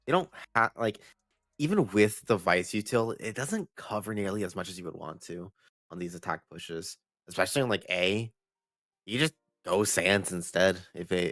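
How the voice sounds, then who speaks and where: A young man commentating a live esports match, breaking down team plans in a steady, analytical way. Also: deep voice, no echo, studio quality. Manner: steady analytical play breakdown, teasing co-caster. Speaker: esports caster.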